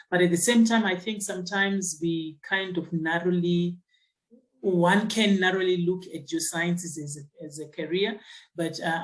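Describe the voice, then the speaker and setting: This interview features a geoscientist and associate professor from Zimbabwe, a middle-aged woman who considers her answers carefully and often restarts or uses fillers. She has a lowish voice, captured in a rough recording.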